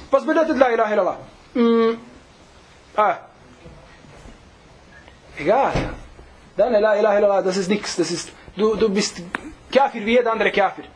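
A man teaching a religious lesson, reciting Arabic passages rapidly and then explaining them again and again with rhetorical questions to the class. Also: extremely high pitch, a bit bright, slight background noise.

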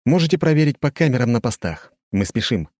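A man's voice: medium pitch, very animated, a little fast, a little mellow, no echo, voice pushed up, lightly acted. A young prince, voiced by a male audiobook reader gives clipped orders with cool authority. The voice is close and dry. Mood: commanding. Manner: curt, authoritative.

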